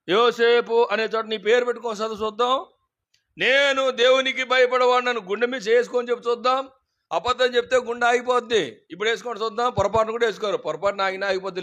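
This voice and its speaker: A man's voice: high voice, steady tone, quick pace, fairly bright tone. A man preaching a sermon. He tells funny stories and keeps asking the congregation questions. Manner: humorous storytelling preacher, asks the congregation questions. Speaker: pastor.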